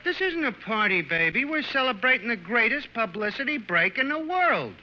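An actor playing a scheming, upbeat American showbiz agent with slick, excitable patter in old-time radio drama style. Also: male voice, extremely high pitch, normal speed. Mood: excited. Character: fast-talking, scheming, upbeat male showbiz publicity agent. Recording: muffled, noisy old radio-era recording.

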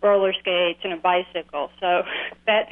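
A woman's voice: on the low side, steady tone, measured pace, no echo. Woman caller over a clipped phone line. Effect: clipped telephone line. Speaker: radio call-in caller. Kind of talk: casual call-in chat. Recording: tinny phone line, dry.

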